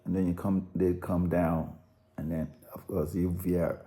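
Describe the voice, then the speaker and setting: Low, mellow-voiced Nigerian man narrating. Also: level tone, measured pace. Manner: rambling, self-correcting, repeats words. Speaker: narrator analysing a song. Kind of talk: unscripted spoken commentary.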